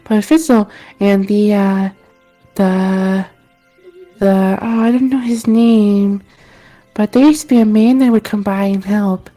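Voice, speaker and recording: A woman's voice: medium pitch, steady tone, slow, dark tone, faint music behind, voice pushed up, natural voice, rough recording. A woman voicing a small, eager girl child with a naive, hesitant, chatty manner in a tabletop game.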